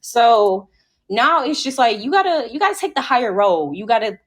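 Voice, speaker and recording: A woman's voice: on the high side, very animated, moderate pace. A woman co-hosting a podcast, talking candidly in a loose, rambling way with restarts and cursing. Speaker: podcast co-host. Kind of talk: casual chat.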